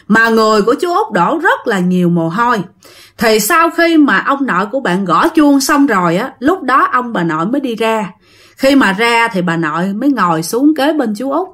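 A woman's voice: fairly high pitch, fairly bright tone. A woman with a Southern Vietnamese accent telling a ghost story, chatty and speaking straight to her listeners. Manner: chatty, addresses listeners directly. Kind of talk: spoken ghost story narration.

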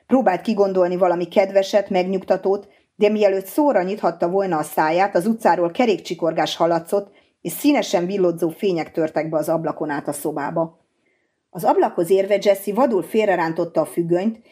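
A woman narrating an audiobook in an even, measured reading. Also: fairly low pitch, husky.

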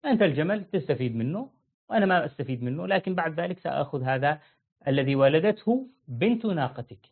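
A man teaching a religious lesson, explaining rulings with lively everyday examples and acting out buyers and sellers. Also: on the high side, fast talker. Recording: tinny phone-like line.

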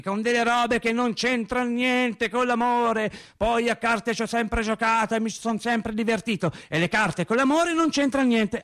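Playing an unread factory husband who speaks plainly, an actor delivers an animated, colloquial radio-theatre monologue with hesitant repetitions. The voice is high-pitched and heavily acted, and the mood is indignant.

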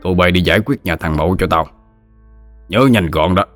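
A man's voice: deep voice, fairly quick, fairly bright tone, dry recording, faint music behind. A man voicing a hot-tempered old landlord who barks contemptuous orders. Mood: commanding.

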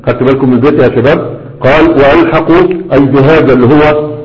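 A man with an Egyptian Arabic accent leads a grammar lesson at a mid pitch, reading verses slowly before explaining them in a chatty way. He keeps asking his students questions to check they follow. The recording is dull and lo-fi, with a roomy echo around his voice. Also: fairly even intonation. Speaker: grammar teacher. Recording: dull, echoey classroom recording.

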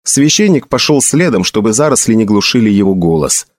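Man narrating with lively intonation. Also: on the low side, a little fast, dry recording, clean studio sound. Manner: expressive storytelling. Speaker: audiobook narrator. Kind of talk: scripted narration.

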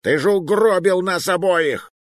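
A man voicing a fat, jittery male schemer who turns shrill and hysterical when frightened. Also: expressive, a little slow, dry recording, clean studio sound. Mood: shrieking panic.

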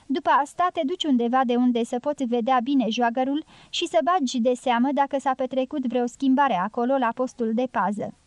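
A woman reading an audiobook, voicing a stern man who gives orders in her own high voice. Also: hardly any pauses, no room sound, natural voice. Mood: instructing, firm. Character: stern, serious American man giving orders.

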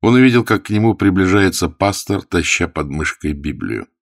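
A man reading a classic novel aloud in measured storytelling. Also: deep voice, lively intonation, vocal fry, no room sound, studio quality. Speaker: narrator.

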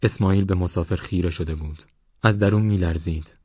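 A man calmly narrating a novel as an audiobook reader in a measured way. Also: low voice, husky, no echo, muffled recording. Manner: calm, measured reading. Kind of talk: scripted narration.

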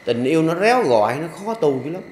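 An older male monk with a Southern Vietnamese accent preaches in a temple, his voice sitting a little high for a man. He talks in a homely, joking way and leans on rhythmic repeated refrains. The hall is roomy and echoing, with a faint hum of ambience behind him. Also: big pitch swings, fast, a little mellow. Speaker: Buddhist monk giving a dharma talk. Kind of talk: sermon.

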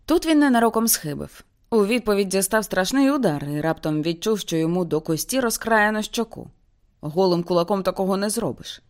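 A woman reading a novel aloud as an audiobook, with intense dramatic narration that slows for grim moments. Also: medium pitch, expressive, darkish tone. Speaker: audiobook reader.

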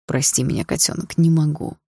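A woman voicing a gentle, tender young father speaking softly and slowly to his daughter in a dream, in an audiobook. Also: sits low, creaky, breathy edge, no echo, studio quality, full character voice. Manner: slow, soft, tender.

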